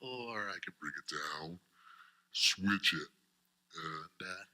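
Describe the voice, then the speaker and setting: A drummer whose voice is run through a pitch shifter and dropped lower, talking casually with fillers while showing his stage setup. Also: pushed and bright. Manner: casual, halting demonstration with many fillers. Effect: voice pitch-shifted down deeper through a vocal effects unit. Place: stage beside a drum kit.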